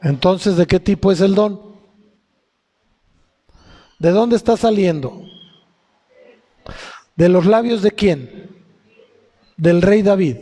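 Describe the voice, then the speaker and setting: A man with a Mexican accent preaching a sermon, often asking his congregation questions and reading scripture in a slow, drawn-out way. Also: sits high, mellow. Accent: Mexican Spanish. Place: church hall. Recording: long hall reverb.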